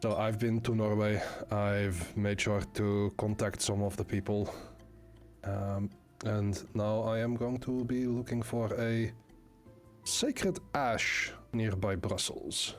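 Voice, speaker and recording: A man's voice: lowish voice, slow pace, faint music behind. A man playing a tabletop game, chatting casually with hesitant fillers and restarts. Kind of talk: casual role-play chat.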